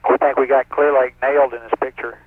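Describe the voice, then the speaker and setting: Easygoing astronaut calling down from orbit; thin, crackly radio transmission with a clipped, phone-narrow sound. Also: male voice, mid-range voice, level tone, fast talker, no echo. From northwest Florida, US. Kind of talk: space-to-ground radio talk. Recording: tinny narrow-band radio downlink.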